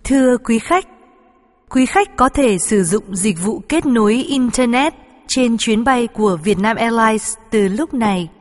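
A woman's voice: fairly high pitch, lively intonation, a little slow. A woman speaking as a flight attendant, reading formal, polite scripted in-flight announcements. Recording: long hall-like reverb.

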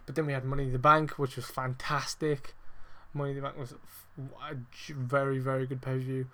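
Speaking fairly quickly in a mid-range voice, a male host runs an easygoing wrestling review podcast. Expect rambling, lots of filler words, frequent cursing, and excited, emphatic bursts.

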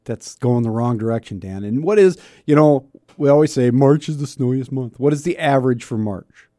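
A man's voice: medium pitch, animated, normal speed, warm tone, no echo, clean studio sound. A man hosting a radio show in casual banter, wry and mock-grumbling, often asking rhetorical questions. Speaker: radio talk show host.

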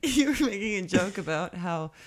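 A woman's voice: mid-range voice, expressive, moderate pace. A woman co-hosting a podcast, chatting casually with giggles, self-deprecating asides and casual swearing. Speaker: podcast co-host. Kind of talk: casual chat recap.

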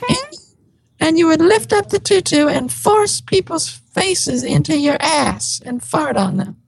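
A woman voicing an exasperated grown child scolding her mother, with her formant shifted up into a higher voice, pleading and scolding. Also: expressive, measured pace, creaky, in a large hall, full character voice, rough recording.

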